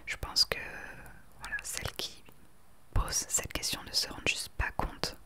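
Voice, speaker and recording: A woman in her late twenties talking earnestly and with conviction in a soft whispered ASMR chat into a desktop microphone. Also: moderate pace. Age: 20s. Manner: earnest, opinionated. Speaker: ASMR creator. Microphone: desktop USB microphone.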